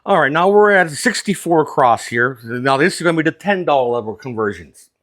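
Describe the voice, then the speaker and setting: A man with a fairly high-pitched voice gives casual, hands-on instruction as a craps dealing teacher. He is plain-spoken and walks through each move step by step. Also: expressive, a little fast, a bit bright.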